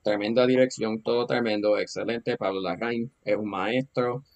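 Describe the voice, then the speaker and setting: A man's voice: fairly low pitch, steady tone, normal speed, gravelly, muffled recording. A man, chatting casually and emphatically about film as a podcast co-host, laughing often.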